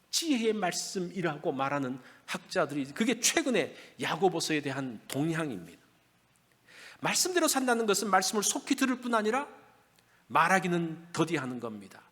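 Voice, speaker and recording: A male pastor preaches a Sunday sermon in a church sanctuary, speaking conversationally and posing questions to his listeners. His voice is a little high and slightly rough, with the long reverb of a church hall.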